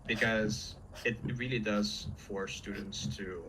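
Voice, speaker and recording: A man's voice: fairly low pitch, fairly even intonation, slow pace. A man who teaches painting, chatting casually and enthusiastically on a livestream in an informal way. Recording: faint background room noise.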